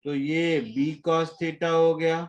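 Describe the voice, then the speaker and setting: On a muffled recording, a male teacher speaks extremely slowly in a highish voice with little pitch movement as he explains a physics problem step by step. The live class mixes Hindi with English, and he often stops to check that students understand.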